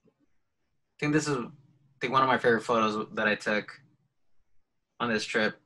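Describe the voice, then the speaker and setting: A man's voice: mid-range voice, moderate pace, bright, forceful tone, rough recording. A man talking about his photography on a video call, hesitant and easygoing, with lots of ums and restarts. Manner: hesitant, full of fillers and restarts, laughs lightly. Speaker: photographer guest. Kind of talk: casual video call chat.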